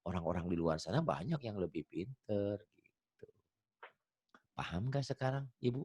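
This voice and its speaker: A middle-aged man teaches Quran reading in an online lesson, his low voice rising and falling a great deal as he talks. He explains patiently and chattily and draws out the recited verses in a slow chant. The sound is dry and close. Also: animated, a little mellow, husky, no echo.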